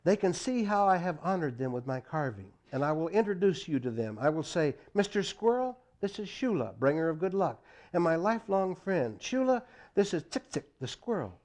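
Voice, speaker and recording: A man voicing an excitable, earnest, playful young boy in a read-aloud story. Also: on the high side, moderate pace. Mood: eager, playful.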